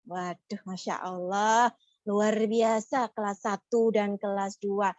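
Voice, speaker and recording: A young woman telling stories to young schoolchildren, slow, animated and coaxing. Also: mid-range voice, no room sound. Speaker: children's storyteller. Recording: slightly muffled, dry sound.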